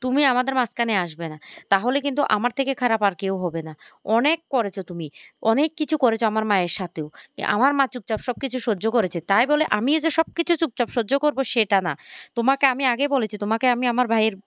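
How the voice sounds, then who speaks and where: A woman's voice: on the high side, lively intonation, fast talker, a bit bright, smooth, no echo. A woman voicing a fiery, defiant young woman who scolds everyone around her. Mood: indignant. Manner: indignant, scolding.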